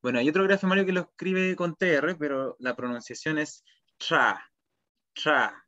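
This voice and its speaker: A man teaching a language class over a video call, saying each word slowly twice and then giving its meaning. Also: on the high side, a bit bright, muffled recording. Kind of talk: online vocabulary class.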